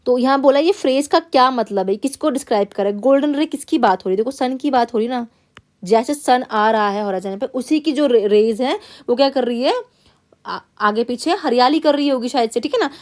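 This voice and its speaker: Higher-pitched woman teaching exam English. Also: a little mellow. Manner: repeats "theek hai na" as a check-in, reads English passages slowly. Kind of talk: classroom-style exam lesson.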